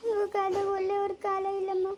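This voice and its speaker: A woman playing a soft-spoken village mother who consoles her daughter, in a rural Chikkaballapura Kannada accent. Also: very high-pitched, completely flat delivery, fairly quick. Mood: consoling. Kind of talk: amateur family drama acting.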